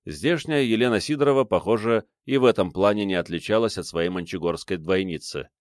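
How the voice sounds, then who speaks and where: A man's voice: on the low side, a little fast, no echo, studio quality. A man narrating an audiobook in scripted narration, reading expressively.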